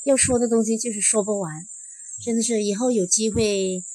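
A middle-aged woman from Jiangxi with a husky, slightly breathy voice sits as an interview guest and tells her story. She replays the dialogue she recounts, raising her voice for the other person's lines. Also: medium pitch, normal speed, low-quality recording. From Jiangxi, China. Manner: lively retelling, acting out quoted dialogue.

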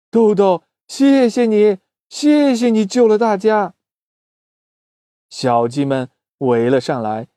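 A slow, unhurried storyteller with a mellow, warm tone reads a children's tale and keeps turning to talk to the little listeners. The sound is dry and close, with no room around it. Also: mid-range voice, no room sound. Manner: addresses children directly, gently teasing.

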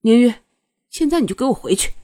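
A woman's voice: a little high, sing-song, fast talker, dark tone. A woman voicing a proud young noblewoman who talks in a teasing, needling way in an audiobook. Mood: cold. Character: young noblewoman, sly, proud and sharp-tongued.

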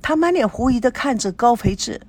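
Woman reading a romance novel out loud, bouncy expressive voice, higher pitched. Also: fairly quick. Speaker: narrator.

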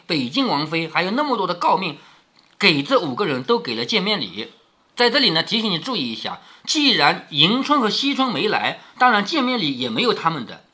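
A man reading a classic novel aloud to his daughter, pausing to explain and asking her rhetorical questions. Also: sits high, sharp tone. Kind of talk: storybook reading with commentary.

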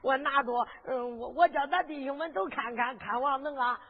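A woman's voice: high-pitched, normal speed, voice pushed down, natural voice. A woman doing a swaggering crafty young male hero in Henan accent. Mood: boastful. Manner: wheedling, swaggering, sudden shouts. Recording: tinny lo-fi recording with long hall reverb.

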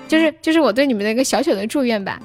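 A young woman hosting a casual livestream, chatting with viewers, laughing often and reading out their names. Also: high-pitched. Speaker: livestream host.

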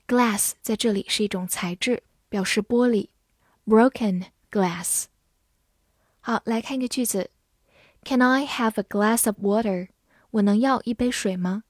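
A woman with a slightly high voice reads a scripted vocabulary lesson, spelling out every English word and slowly reading example sentences. The studio sound is clean, with no room sound.

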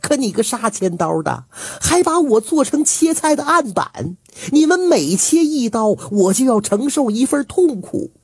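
A man voicing the ghost of a hanged woman, shrill, grieving and accusing, in a spoken folk tale. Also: sing-song, a little slow, few pauses, darkish tone, slightly rough, no echo, clean studio sound, full character voice. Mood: anguished vengeful. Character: vengeful wailing female hanged ghost.

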